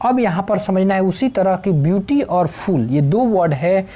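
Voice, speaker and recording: A woman teaching an English grammar lesson, explaining slowly, spelling out letters and pausing with fillers. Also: mid-range voice, lively intonation, dark tone.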